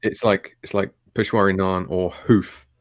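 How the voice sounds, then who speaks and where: A man's voice: low-pitched, level tone, a little slow, no echo. A man co-hosting a live gaming podcast, joking and bantering with his friends. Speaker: podcast co-host. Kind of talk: casual chat.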